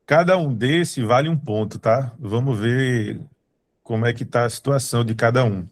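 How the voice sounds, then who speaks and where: Presenting in an online meeting, a man from Recife speaks with a Brazilian accent in a medium pitch at normal speed. He co-founded the studio and talks straight to his listeners, casually, emphatically, and with repetition of key points.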